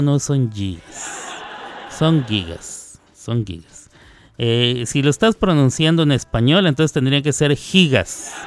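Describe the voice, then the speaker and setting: Man, radio host, casual rambling monologue, crisp voice, dead dry studio sound. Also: medium pitch, dry recording. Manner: rambling, digressive, self-correcting.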